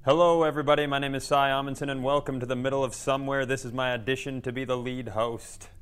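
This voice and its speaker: Speaking fast with little pitch movement, this man has a clear, resonant, medium-pitched voice. He's a stand-up comedian co-hosting a podcast, casually storytelling with jokes at his own expense.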